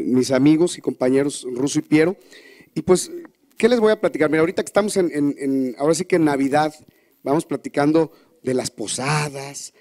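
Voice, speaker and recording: A man's voice: a little high, dark tone. A Mexican man, a comedian, telling jokes in a chatty way and acting out characters. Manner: chatty, acts out joke characters. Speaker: comedian guest. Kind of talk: stand-up joke telling.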